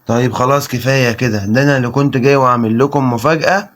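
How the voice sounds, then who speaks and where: A woman voicing a grown father figure in a toy role-play, in a lowered gruff scolding tone with an Egyptian Arabic accent. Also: rapid-fire. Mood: stern. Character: grown man, the father, stern but calm.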